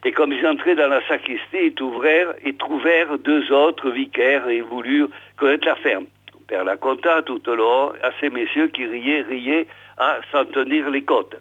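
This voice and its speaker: A man's voice: mid-range voice, normal speed. Man telling a folksy tale over a phone-like line. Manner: chatty, addresses listeners directly. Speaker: storyteller. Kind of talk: folksy oral storytelling. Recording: tinny phone-like old recording.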